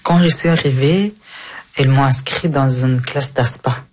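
A young man from Afghanistan talks calmly about his past in an interview. His voice is husky at a middle pitch, and his speech is careful, with fillers and frequent self-corrections. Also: unhurried. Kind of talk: calm personal account.

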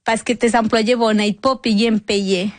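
A middle-aged woman from Colombia, answering interview questions about her cleaning work, halting and searching for words with many fillers. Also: fairly high pitch, fairly even intonation, dry recording. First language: Spanish. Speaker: cleaning worker, guest.

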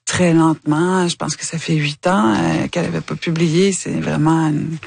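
A woman's voice: low-pitched, fairly even intonation, normal speed, vocal fry, darkish tone, breathy edge, no room sound. A woman in her fifties with a Quebec French accent, a guest actress and novelist, talking with enthusiasm and laughing often. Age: 50s. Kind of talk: casual chat.

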